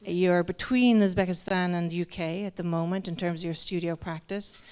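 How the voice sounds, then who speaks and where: A woman moderates an art talk semi-formally for an in-person audience indoors. Her lowish voice has a darkish, clean tone and fairly even intonation, and at a moderate pace she forms long, winding sentences with noticeable hesitation.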